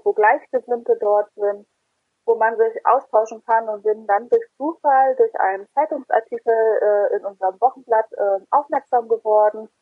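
Young woman in her twenties, hesitant ums, husky voice, dry tinny phone line. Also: mid-range voice, dry recording. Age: 20s. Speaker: interview guest. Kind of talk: podcast interview answers.

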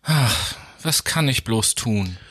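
A man voicing a sad, tender little male star angel in a storybook, speaking softly and plaintively. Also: mid-range voice, expressive, slow pace, husky, heavily acted. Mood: despairing. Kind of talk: storybook reading.

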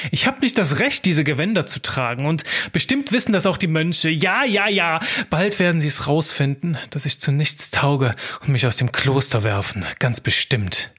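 A man's voice: on the high side, fairly bright tone, slightly rough, pitched above the performer's own voice. A man voicing a fretful, self-doubting scribe. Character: anxious insecure male scribe posing as abbot.

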